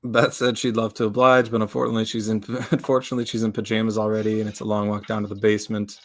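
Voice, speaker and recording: A man's voice: fairly low pitch, racing. Chuckling man reading chat comments. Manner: chuckling, reads out viewer comments in a lively way. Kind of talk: casual sports betting podcast chat.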